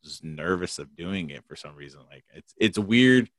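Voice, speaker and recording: A man with a very low voice hosts a casual podcast chat. He rambles loosely, circling back with fillers and restarts. The sound is dry and close, with no room in it. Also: lively intonation, normal speed, no room sound. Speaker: podcast host.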